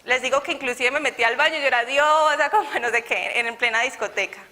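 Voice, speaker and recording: Bright young woman preaching in a hall. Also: high-pitched, fast. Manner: earnest, conversational, acts out quoted dialogue. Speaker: church youth speaker. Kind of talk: sermon with personal testimony. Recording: reverberant hall.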